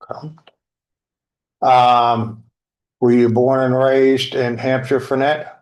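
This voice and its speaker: A man questioning witnesses as a lawyer in court, phrasing things informally and haltingly. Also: medium pitch, level tone, poor audio. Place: indoor courtroom.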